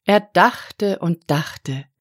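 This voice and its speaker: A woman reading a children's story aloud, slow and expressive. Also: on the low side, no echo, studio quality.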